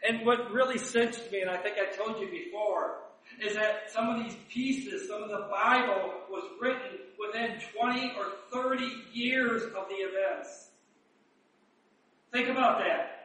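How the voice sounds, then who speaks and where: A man giving a chatty Bible teaching, asking rhetorical questions and reading verses slowly. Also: sits high, sharp tone. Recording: roomy echo, distant mic.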